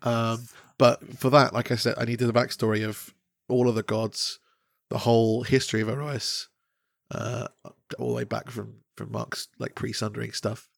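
A man's voice: mid-range voice, level tone, moderate pace, vocal fry, dry recording, studio quality. A man co-hosting a podcast, talking casually about the world he runs his tabletop game in, rambling and jokey with lots of fillers. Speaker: podcast co-host and game master.

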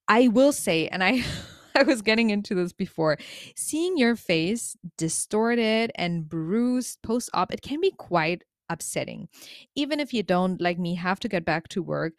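A woman's voice: mid-range voice, no echo, studio quality. A woman vlogger talking casually in an informal, emphatic way with slangy exaggeration. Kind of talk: casual chatty vlog monologue.

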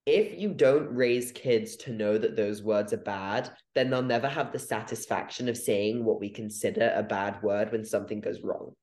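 A man's voice: fairly low pitch, darkish tone. Young male podcast co-host, casual and playful, reverberant room. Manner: chatty, many fillers, playful. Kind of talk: casual debate chat.

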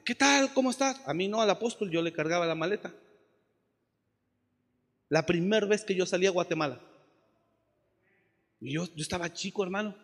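A man preaching a passionate sermon as pastor, swinging from shouts to soft asides. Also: sits high, moderate pace, long pauses, in a large hall.

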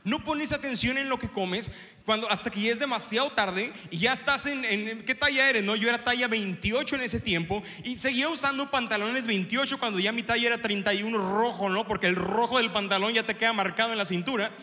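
Mexican male pastor, bright and high. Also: fairly quick. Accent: Mexican Spanish. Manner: storytelling, lively and engaging the congregation. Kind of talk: sermon. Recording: preaching with long hall reverb.

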